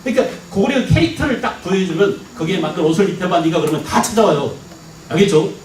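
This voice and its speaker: A middle-aged man from the Jeolla region giving a lively history lecture, constantly asking the class rhetorical questions to check they follow. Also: high voice, quick pace, a little hiss or hum. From Jeolla province, Korea. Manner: animated, keeps checking understanding with rhetorical questions. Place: lecture hall. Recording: echoey hall, mic at a distance.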